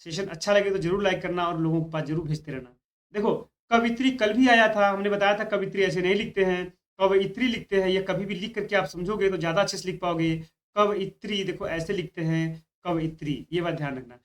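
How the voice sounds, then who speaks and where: A man's voice: sits high, a little fast. A man teaching Hindi spelling for an exam, stretching out each key word and often repeating that students should keep it in mind. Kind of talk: spoken exam-prep lesson.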